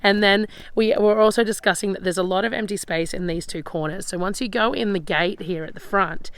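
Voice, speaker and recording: An Australian woman with a gravelly, slightly raspy voice chats casually as she walks around and shows her homestead. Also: mid-range voice, brisk, dry recording. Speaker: vlogger showing her homestead. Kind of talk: casual walk-and-talk chat. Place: outdoors by chicken pens on a rural property. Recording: outdoor farm noise, loud poultry. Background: roosters crowing, hens clucking, guinea fowl.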